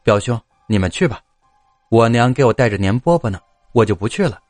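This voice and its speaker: A man's voice: mid-range voice, lively intonation, brisk, darkish tone, no echo, faint music behind, close to an everyday voice. A man voicing an honest, simple young man in his twenties who talks in a plain, earnest way.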